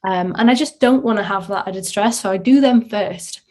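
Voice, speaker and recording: A woman hosting a casual solo podcast, chatty with many filler ums and restarts, heard through low-quality microphone audio. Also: moderate pace, darkish tone. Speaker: podcast host.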